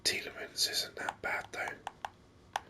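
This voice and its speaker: Breathy whispers fill this ASMR gaming clip, as the male host muses aloud about the game without hurry, his mouth close to the microphone.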